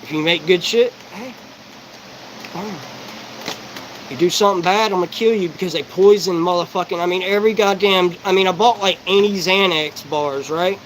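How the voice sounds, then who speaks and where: A man in his forties delivers a disjointed live-stream monologue, swearing freely as he jumps from thought to thought. His voice sits high for a man, and he talks in quick, tumbling bursts. A faint hiss of noise runs underneath. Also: fairly bright tone, low-quality recording. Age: 40s. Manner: rapid, profane, rambling and disjointed. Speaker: livestreamer.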